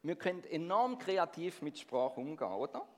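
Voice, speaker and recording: This sermon comes from a middle-aged man near Stuttgart whose Swabian accent is coloured by Swiss German. His fairly high voice has a sing-song lilt at a normal pace, and he engages listeners by questioning the congregation.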